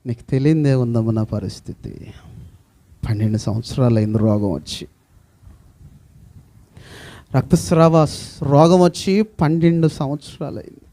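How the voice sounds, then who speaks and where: A man's voice: mid-range voice, normal speed, pauses often, warm tone, pitched below the performer's own voice, natural voice. A male preacher voicing a desperate woman who has been sick for twelve years, pleading in rhetorical questions. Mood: despairing.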